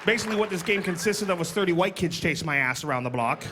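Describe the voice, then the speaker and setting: A man doing a stand-up comedy set, talking in an animated way and jumping into high put-on voices for other people. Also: fast talker. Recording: live club, crowd laughter and noise.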